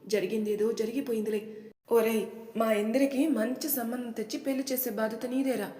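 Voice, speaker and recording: A woman's voice: on the high side, steady tone, a little fast, mellow, lightly acted. A woman voicing a fond middle-aged uncle. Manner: fond, chiding, heartfelt. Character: middle-aged maternal uncle, affectionate and scolding. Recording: echoey room with long reverb.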